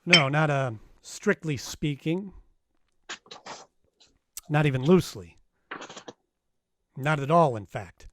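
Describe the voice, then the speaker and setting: A man voices a sardonic, dry-humored private detective in a live radio play styled after old-time dramas, narrating as well. His slightly high voice is slow with long pauses, bargaining in mood, with background noise present.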